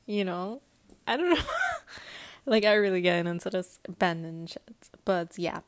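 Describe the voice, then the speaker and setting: A woman's voice: lowish voice, measured pace. A woman hosting a casual solo podcast, rambling and giggly, with lots of fillers. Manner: rambling and chatty, heavy with fillers; giggly and excitable. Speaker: podcast host.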